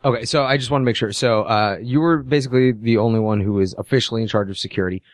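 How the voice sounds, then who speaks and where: A man's voice: fairly low pitch, very fast, no room sound, studio quality. A man playing a tabletop role-playing game, asking earnest questions. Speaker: player.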